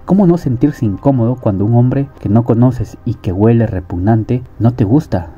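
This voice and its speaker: A man narrating a novel's story in a plain, steady reading voice. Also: medium pitch, moderate pace, slightly rough, soft background music. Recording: dull lo-fi audio.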